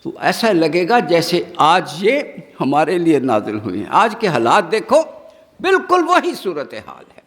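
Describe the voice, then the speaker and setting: A man with a Pakistani Urdu accent preaching in a large hall, his voice sitting fairly high and swinging widely as he presses his listeners with questions. A long reverb trails each phrase. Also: wildly swooping pitch, a bit bright. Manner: impassioned, rhetorical questions to audience. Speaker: Quran teacher. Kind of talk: sermon. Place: large hall at a training camp.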